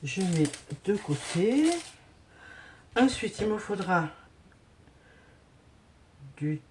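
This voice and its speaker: A woman's voice: medium pitch, expressive, drawn-out words, darkish tone, a little hiss or hum. A woman hosting a casual craft tutorial who hesitates often with fillers while she sorts beads and talks to viewers.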